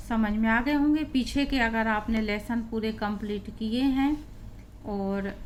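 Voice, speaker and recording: A woman's voice: fairly high pitch, a little hiss or hum. A woman teaching an English pronunciation lesson, explaining rules step by step and spelling out letters one by one. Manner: slow, deliberate, spelling out letters.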